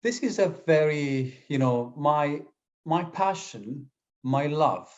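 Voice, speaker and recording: A young Kurdish-speaking man from Syria is a guest in a casual English interview, talking slowly and expressively in a fairly high voice. His speech is full of fillers and restarts, and the lo-fi audio sounds slightly dull.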